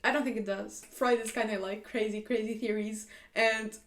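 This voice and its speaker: A woman's voice: on the high side, fairly even intonation, normal speed. A woman hosting a casual reaction video, reading posts aloud and chatting with lots of "like" and frequent laughs. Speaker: YouTube host reacting to posts.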